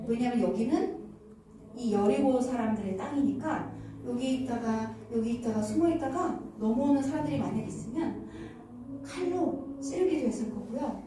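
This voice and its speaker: A woman teaching children, telling a Bible story in an animated way and asking them questions as she goes. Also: a little high, background noise. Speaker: children's Sunday school teacher. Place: church hall. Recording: echoey room from far off.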